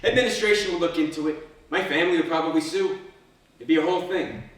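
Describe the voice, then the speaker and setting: A man's voice: on the high side, fairly bright tone. Echoey, distant man performing a stage monologue. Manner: dramatic storytelling with wry, dry humour. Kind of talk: theatrical first-person monologue.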